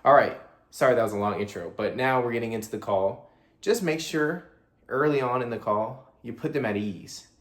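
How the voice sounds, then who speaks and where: A man's voice: medium pitch, normal speed, reverberant. A young man casually coaching on how he handles sales calls, talking conversationally and acting out phone exchanges. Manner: conversational, acts out phone calls in varied voices. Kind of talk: casual instructional talk to camera.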